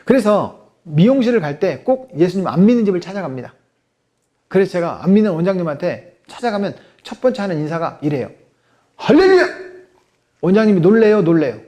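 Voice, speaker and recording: A man's voice: high voice, animated, quick pace, mellow. A man in his forties, a guest pastor preaching at a church seminar, who tells stories, acts out dialogues and has the congregation repeat phrases. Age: 40s. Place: church sanctuary.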